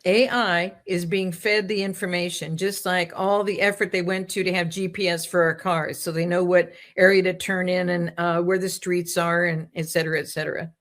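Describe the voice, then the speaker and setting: A woman's voice: fairly low pitch, little pitch movement, moderate pace, hardly any pauses. Rambling storytelling woman guest. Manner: rambling storyteller, jokes and asides. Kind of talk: casual talk-show conversation.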